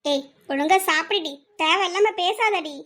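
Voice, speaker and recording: A shy, evasive schoolgirl from an amateur audio drama, played by a woman. Her voice is very high, and she hedges and hushes her friend rather than answer straight. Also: normal speed. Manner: hesitant, shushing, evasive.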